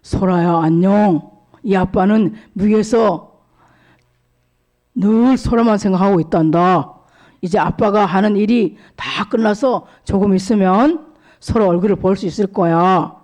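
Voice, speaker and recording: A woman voicing a patient father speaking on a tape in a children's story, slow and reassuring. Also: mid-range voice, darkish tone, close to an everyday voice. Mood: tender.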